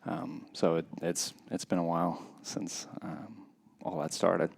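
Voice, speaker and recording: Deep, gravelly and husky, with a darkish tone and a completely flat delivery, this man's voice belongs to a Russian skydiving competitor in his thirties. As a podcast guest in a casual interview, he speaks reflectively and slowly, hesitant with many pauses.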